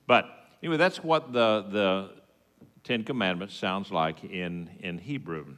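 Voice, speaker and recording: A man speaks slowly with a West Texas twang, his voice on the low side. He teaches as in an informal sermon, folksy and halting, with plain-spoken asides. The sound rings with the long reverb of a hall. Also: a bit bright. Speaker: congregation teacher giving the sermon. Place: reverberant hall at a worship service.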